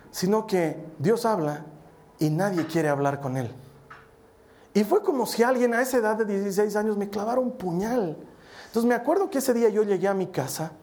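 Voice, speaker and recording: A man's voice: sits high, darkish tone. Bolivian guy preaching, middle-aged, telling his own testimony story, does little voices for people he quotes. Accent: Bolivian Spanish. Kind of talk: sermon with personal testimony.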